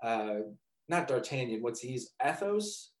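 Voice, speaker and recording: A man's voice: mid-range voice, big pitch swings, slow pace. A man co-hosting a casual chat about a movie, rambling and laughing often, swearing casually. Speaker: podcast co-host. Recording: echoey room.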